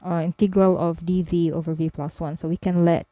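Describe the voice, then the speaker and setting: A woman math tutor slowly talking through a worked problem step by step, with frequent fillers. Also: lowish voice, little pitch movement, dry recording, lo-fi sound. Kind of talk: screen-recorded math lesson.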